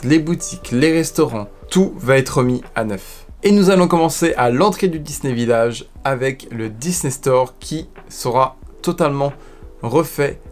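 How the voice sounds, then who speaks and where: A man in a relaxed vlog, rattling through a roundup of announcements with open enthusiasm. He stacks admiring words one after another and slips into casual slang between the more measured bits. His pitch sits at an ordinary male middle. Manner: enthusiastic, piles up admiring adjectives; informal slangy asides. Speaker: theme park news vlogger. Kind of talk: casual news roundup commentary.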